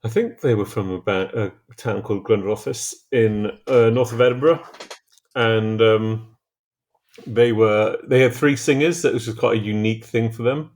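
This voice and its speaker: Low, creaky-voiced man chatting. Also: fairly even intonation, moderate pace, darkish tone. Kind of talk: casual chat.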